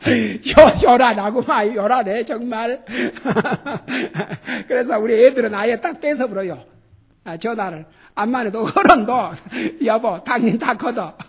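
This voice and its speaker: A middle-aged man preaching a sermon as pastor, animated and laughing, swinging between loud exclamations and quiet emphasis. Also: very high voice, takes it slowly, slightly rough.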